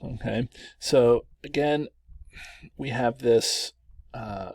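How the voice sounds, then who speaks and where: Slow gravelly guy walking thru chem problems, chatty, fixes himself a lot, dry sound. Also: mid-range voice, darkish tone, dry recording. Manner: chatty, self-correcting, chuckles at the long names. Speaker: chemistry teacher. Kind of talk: lecture walking through worked examples.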